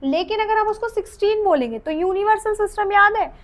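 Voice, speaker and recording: A woman with an Indian accent teaching a dental anatomy lecture. She reads English lines slowly, then explains them in Hindi with questions to the class, and counts teeth aloud under her breath. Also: very high-pitched, animated. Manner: counts teeth aloud while drawing, trailing off softly. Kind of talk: exam-oriented lecture.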